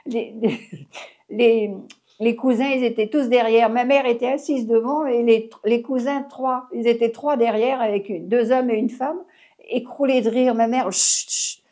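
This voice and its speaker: An older woman with a Parisian accent, her voice set a little high but mellow and dark in tone. She tells her stories casually, laughing often and letting sentences trail off. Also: steady tone, moderate pace. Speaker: interviewee, former taxi driver. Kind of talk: casual storytelling.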